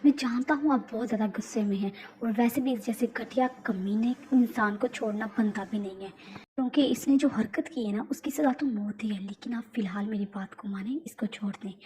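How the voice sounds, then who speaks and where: A woman voicing a calm, loyal young male mafia aide in a fan audio drama, speaking low and measured. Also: natural voice, low-quality recording. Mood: calm urging. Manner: low, measured, urging restraint.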